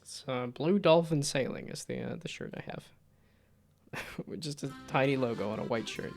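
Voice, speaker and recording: Creaky-voiced man rambling on a livestream. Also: medium pitch, normal speed, darkish tone, soft background music. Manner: rambling, often trails off mid-thought. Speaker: livestreamer host. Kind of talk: casual livestream chat while playing games.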